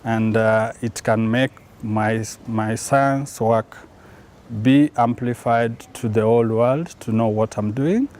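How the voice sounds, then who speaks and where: Deliberate man from Kenya. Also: mid-range voice, a little mellow. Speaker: researcher.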